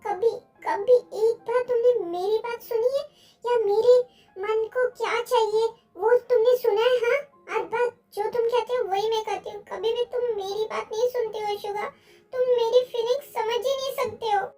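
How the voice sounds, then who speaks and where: A woman's voice: extremely high pitch, steady tone, normal speed, a little mellow, far from the mic, pitched above the performer's own voice. A woman voicing an upset young woman. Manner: upset, complaining. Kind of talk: fan audio drama dub.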